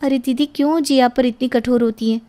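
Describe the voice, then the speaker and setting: A woman voicing a calm, kind aunt in a cartoon storybook, speaking gently. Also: high voice, fairly quick, lightly acted. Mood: soothing. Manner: gentle, soothing.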